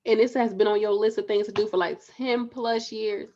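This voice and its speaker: A woman's voice: medium pitch, fairly even intonation, moderate pace, dark tone, lo-fi sound. A woman in her thirties giving a casual, motivational talk straight to her viewers, emphatic and repeating lines to urge them on. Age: 30s. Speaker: spiritual vlogger. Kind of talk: motivational direct-to-camera talk.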